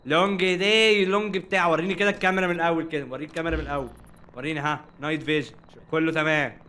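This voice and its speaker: A young man with an Egyptian Arabic accent giving jokey, animated commentary while playing a horror game and chatting to its characters. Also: a little high. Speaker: gaming streamer. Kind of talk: casual let's-play commentary.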